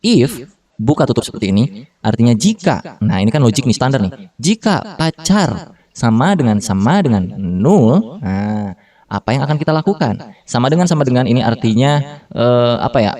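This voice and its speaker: A man's voice: mid-range voice, warm tone, distant mic. A man in his thirties giving a casual, slangy coding tutorial, often correcting himself mid-sentence. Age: 30s. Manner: slangy Jakarta-style casual talk with fillers and self-corrections. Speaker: programming tutor.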